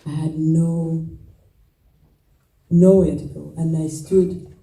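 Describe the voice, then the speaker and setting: A woman of about forty speaks English with a Rwandan accent and a very dark, mellow tone. She tells her story haltingly, with pauses and restarts. The sound is roomy and picked up from some distance. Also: low voice, fairly even intonation. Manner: halting and reflective, with many pauses, fillers and restarts. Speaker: genocide survivor giving a testimony. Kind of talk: personal testimony talk. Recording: roomy echo, mic at a distance.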